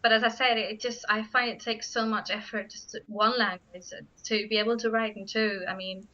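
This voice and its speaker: On a radio show, the Spanish-born writer, a native Spanish speaker, fields questions about her work with frequent hesitant restarts. Her mid-range voice is sharp in tone, a little fast, with fairly even intonation, and the studio mic audio is muffled.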